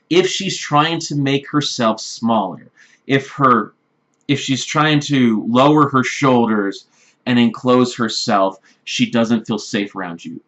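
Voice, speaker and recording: A man's voice: medium pitch, fairly bright tone. A man giving blunt, repetitive dating advice straight to the camera, often checking in with "right?". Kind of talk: direct-address advice vlog. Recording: slightly dull lo-fi recording.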